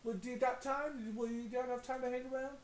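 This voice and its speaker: A man voicing an excitable, deal-making fantasy businessman in a tabletop game, exclamatory and animated. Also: fast, a crowd in the background. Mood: eager. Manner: exclamatory, animated, swooping into high notes. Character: excitable, wheeling-dealing moustached fantasy businessman named Tony. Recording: echoey room.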